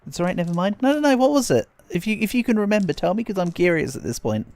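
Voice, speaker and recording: High-voiced and sing-song, he talks fast with a slightly mellow tone and no echo. It's casual game livestream chat: a man rambling, chatty and self-deprecating, a little congested as a cold sets in.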